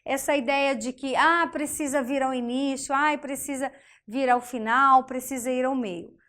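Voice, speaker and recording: A Brazilian woman teaching a grammar lesson in a deliberate way, often checking in with her students. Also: high-pitched, fairly even intonation, a bit bright.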